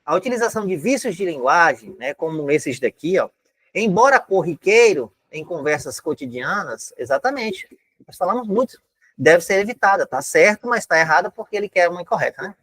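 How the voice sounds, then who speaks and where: This Brazilian man's voice is high, very animated and brisk, with a fairly bright tone on a dry recording. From a room at home he leads a relaxed online exam-prep lesson, talking chattily, using many filler tags and breaking things down step by step.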